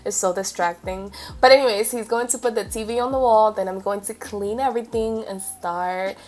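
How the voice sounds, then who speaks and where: A woman's voice: mid-range voice, normal speed, a little mellow. A young woman chatting casually and informally as she vlogs about home decor. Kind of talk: casual vlog chat. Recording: background music.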